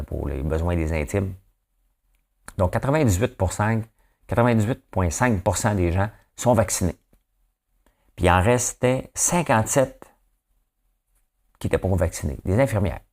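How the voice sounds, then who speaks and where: A man's voice: low voice, lively intonation, moderate pace, long pauses, a little mellow. A man with a Quebec French accent hosting a daily news commentary show, talking casually, rambling and asking rhetorical questions. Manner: rambling, asks rhetorical questions, often tags "hein?".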